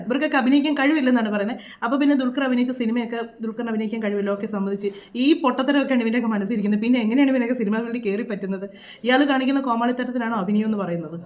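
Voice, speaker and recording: Brief: woman vlogger, scolding reaction commentary, rapid-fire, pitched a bit high. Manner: scolding, indignant, rapid rhetorical questions.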